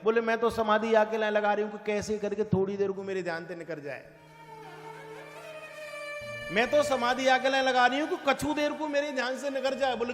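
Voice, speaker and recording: A man's voice: very high-pitched, a bit bright. A man giving a devotional storytelling sermon, acting out the characters' dialogue in his own voice. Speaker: preacher. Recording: echoey hall.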